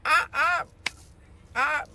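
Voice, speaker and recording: A woman's voice: high-pitched, steady tone, very slow, bright, forceful tone, slight background noise. A woman venting in a clip, exasperated and repeating herself.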